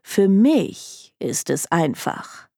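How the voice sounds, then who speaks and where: A woman's voice: on the low side, expressive, normal speed, gravelly, a little mellow, no echo, studio quality. A woman voicing an arrogant, bored young male detective who talks in a scornful, dismissive drawl. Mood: smug.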